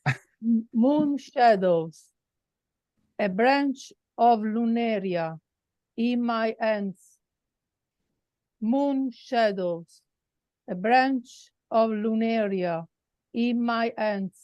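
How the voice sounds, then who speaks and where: A woman with an Italian accent reading a haiku slowly and deliberately over a video call. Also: on the high side, no echo. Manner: slow, deliberate recitation. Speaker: workshop participant. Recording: dull, dry lo-fi call audio.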